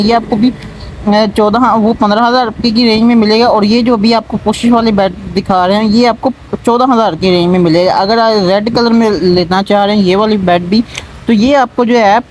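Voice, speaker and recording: A man hosting a showroom sales video, delivering a repetitive pitch that keeps stressing low prices. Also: a little hiss or hum, poor audio. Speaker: YouTube channel host.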